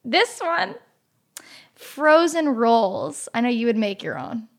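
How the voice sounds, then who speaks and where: A woman's voice: a little high, big pitch swings, takes it slowly, creaky. A woman with a Boston accent co-hosting a casual chat, playful and chatty, reading through a list and asking questions. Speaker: co-host.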